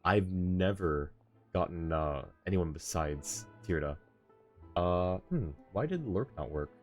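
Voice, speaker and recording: A livestream host with a low-sitting, expressive voice takes his time as he plays a video game. He chats casually and wanders through his thoughts out loud while game music and character voices run in the background.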